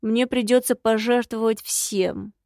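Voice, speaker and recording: A woman voicing a secretive, grumbling male imp in an audiobook, speaking slowly and gruffly. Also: fairly high pitch, fairly even intonation, darkish tone, no echo, clean studio sound. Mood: glum.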